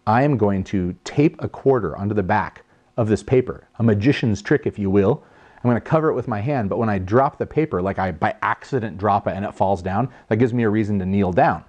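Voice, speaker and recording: A man in his thirties telling a funny personal story in a jokey, animated way, acting out voices. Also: lowish voice, fairly quick, lo-fi sound. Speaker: host. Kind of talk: casual storytelling.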